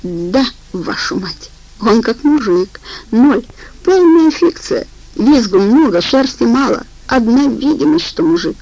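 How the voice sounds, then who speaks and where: A coarse, mocking young woman who swears freely and sounds bone-tired and scornful, as a female audiobook reader puts her on. Her voice carries a gravelly, creaky edge. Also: mid-range voice, animated, moderate pace, darkish tone, no echo, low-quality recording. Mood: rude, mocking.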